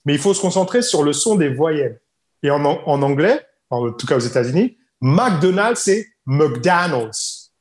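A man's voice: fairly high pitch, expressive, fairly quick, a little mellow, reverberant. A man from France who teaches English, talking casually on a podcast and explaining his points with examples and repetition.

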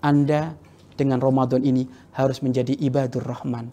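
A man preaching a Ramadan sermon in a calm, measured way, with soft, gentle quoted replies. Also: medium pitch.

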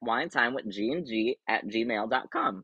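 A man co-hosting a podcast, chatting casually in a relaxed way and reading the sign-offs. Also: mid-range voice, normal speed, husky, no room sound, dull audio. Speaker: podcast co-host.

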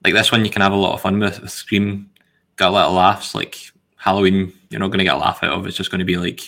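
A man hosting a film podcast, talking in a relaxed, thoughtful way with lots of pauses. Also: deep voice, creaky. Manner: relaxed, thoughtful, hesitant with fillers. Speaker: podcast host. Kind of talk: casual film discussion.

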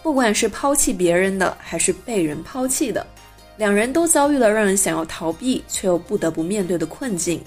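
A young woman hosting a bilingual English lesson, slowly and carefully modelling pronunciation and explaining phrases. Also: medium pitch, lively intonation, darkish tone, soft background music. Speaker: English teacher and podcast host.

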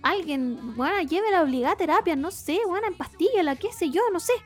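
Mujer chilena joven de voz aguda. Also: female voice, very high voice, lively intonation, brisk, soft background music. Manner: slangy, rambling, frequent laughter. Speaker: podcast co-host. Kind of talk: casual chat.

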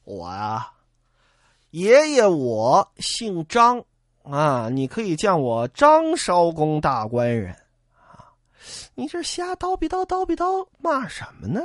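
A man's voice: a little high, very animated, a little slow, dry recording, clean studio sound, voice pushed down. Sly ruffian boatman, taunting and greedy; a man performs him in a storytelling piece. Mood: mocking. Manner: sneering, taunting.

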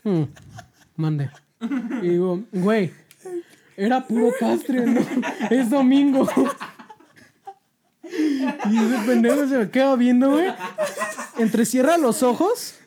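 A woman's voice: fairly high pitch, expressive, slow, pauses often, crowd noise. A young woman with a Mexican accent, telling a funny story in slangy casual chat on a podcast and laughing often. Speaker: podcast host.

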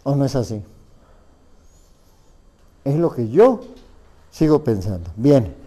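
A man's voice: mid-range voice, big pitch swings, slow, dark tone. A man with a Mexican Spanish accent giving a lecture on family law, asking the audience rhetorical questions.

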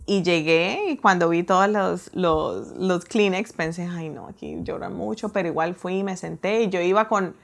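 A woman telling a personal story in a casual, animated way, acting out her own reactions. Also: fairly low pitch, normal speed, few pauses. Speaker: guest telling her testimony.

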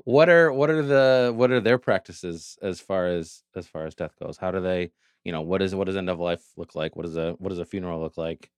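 A man's voice: low-pitched, a little fast, smooth, dry recording. A man hosting a podcast interview, asking casual, rambling questions. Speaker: podcast host.

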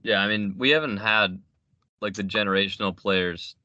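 A young adult man talking basketball on a radio chat, quick and matter-of-fact. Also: on the low side, bright, forceful tone, no echo. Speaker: guest. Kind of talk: casual sports radio chat. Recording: muffled lo-fi audio.

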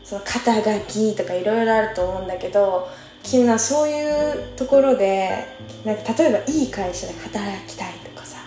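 In an echoey room with faint music playing, a woman in her twenties casually tells a personal story, chatty and informal and laughing often. Her voice is mid-range with a dark tone, and she speaks at a moderate pace.

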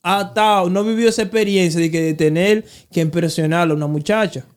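High-voiced Dominican man, slangy podcast host. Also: fast talker, clear, resonant tone. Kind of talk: casual podcast chat.

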